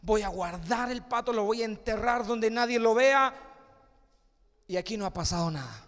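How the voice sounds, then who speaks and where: A male pastor preaching a sermon, telling a story and acting out its voices, moving from hushed to shouting. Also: sits high, lively intonation, normal speed, long reverb tail. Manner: acts out story voices, swings from soft to shouting.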